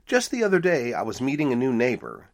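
A man's voice: medium pitch, fast talker, creaky. A middle-aged man hosting his own podcast, telling stories in a casual, wry, conversational way. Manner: animated, conversational, wry asides. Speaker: podcast host, archaeologist.

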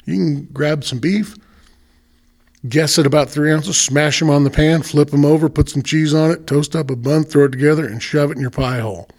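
A man's voice: on the high side, fairly even intonation, moderate pace, darkish tone. A middle-aged man hosting a podcast, talking casually and in a folksy, plain-spoken way as he explains cooking step by step. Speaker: podcast host.

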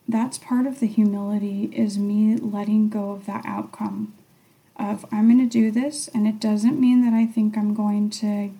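A middle-aged woman hosts a reflective solo podcast, speaking candidly and thoughtfully about her own life. Her voice is mellow and gravelly with a good deal of fry, and she often trails off into soft, near-whispered phrases. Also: mid-range voice. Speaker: podcast host. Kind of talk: reflective personal monologue.

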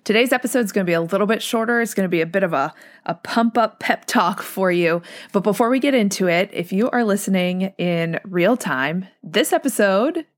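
A woman's voice: medium pitch, fairly quick. Upbeat woman psychologist hosting a podcast. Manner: energetic, encouraging, direct address to listener. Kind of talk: upbeat podcast pep talk.

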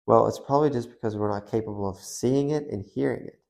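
A man's voice: mid-range voice, fast, vocal fry, darkish tone. A man hosting his own faith podcast, talking loosely and conversationally through hypotheticals. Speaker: podcast host. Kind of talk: casual faith podcast monologue.

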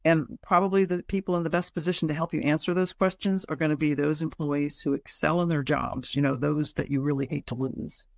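A man's voice: fairly high pitch, steady tone, brisk, vocal fry, few pauses, no room sound, studio quality. A man hosting a podcast, giving semi-scripted practical advice. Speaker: podcast host.

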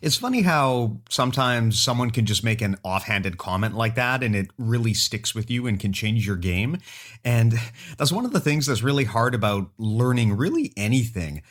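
A man's voice: medium pitch, animated, moderate pace. A man with a mid-range voice talks through ideas in a casual podcast chat. He explains things steadily and keeps the conversation moving forward. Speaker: podcast co-host.

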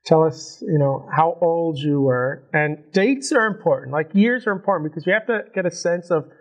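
A man interviewing a guest, asking long rambling questions with frequent restarts. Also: on the high side. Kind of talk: casual interview.

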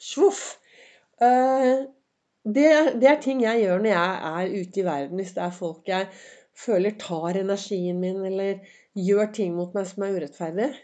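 Chatty woman with a slightly hoarse voice. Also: medium pitch, warm tone. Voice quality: slightly hoarse, clears throat. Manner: chatty and encouraging, with many fillers. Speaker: podcast host. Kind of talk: casual motivational monologue. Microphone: semi-pro recording setup.

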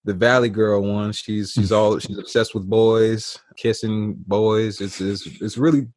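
Dude with a lowish voice riffing on a movie, dry close mic sound. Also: male voice, fairly even intonation, unhurried, darkish tone, no room sound. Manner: joking, wry asides. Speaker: podcast co-host. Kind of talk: casual movie-review chat.

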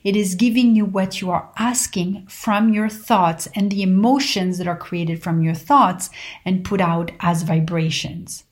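A woman giving a motivational spiritual talk in a serene, guru-like manner, pausing deliberately between short phrases as she addresses her listeners. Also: mid-range voice. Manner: addresses listeners directly as friends. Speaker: host sharing personal reflections.

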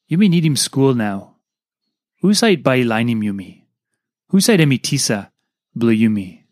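Man, Papua New Guinean accent, scripted devotional teaching, mid-range pitch, very dry recording. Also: no room sound. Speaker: devotional reader.

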